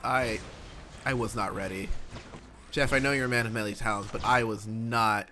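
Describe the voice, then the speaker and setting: A man hosting a stream, chatting excitedly and reading out donations. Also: lowish voice, normal speed, slight background noise. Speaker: stream host. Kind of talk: casual chat. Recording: faint music behind.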